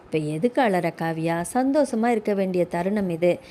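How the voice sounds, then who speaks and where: A woman narrator voicing a calm, affectionate young husband who speaks reassuringly. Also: fairly low pitch, moderate pace, a little hiss or hum, natural voice.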